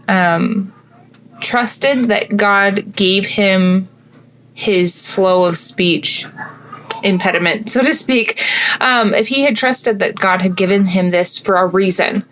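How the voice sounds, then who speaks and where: A woman's voice: medium pitch, a bit bright, poor audio. A woman, around her thirties, reflecting casually on scripture as a host, thinking aloud and correcting herself, her speech slightly thick from a swollen lip. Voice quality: slightly slurred, fat-lipped speech from a swollen mouth. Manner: informal, thinking aloud with frequent self-corrections. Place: bedroom at home.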